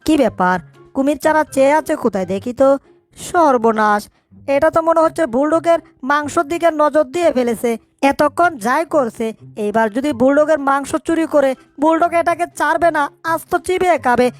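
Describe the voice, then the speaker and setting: A busy little male cartoon mouse chatters and scolds in a high, quick voice, as a woman plays him. He keeps thinking aloud as he fusses over each mess. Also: faint music behind, lightly acted. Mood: fretful. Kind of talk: fan cartoon dubbing.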